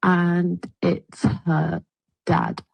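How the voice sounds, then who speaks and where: A husky-voiced woman, recorded dry. She tells a story casually and chattily, sprinkling it with "like". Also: fairly low pitch, wildly swooping pitch, drawn-out words, no room sound, highs cut off. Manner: informal, chatty, frequent "like".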